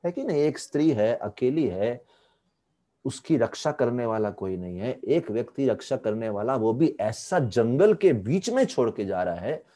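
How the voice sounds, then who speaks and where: A man telling a devotional story as a spiritual teacher, animated, with English phrases mixed in, speaking on an online video call. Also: medium pitch, normal speed.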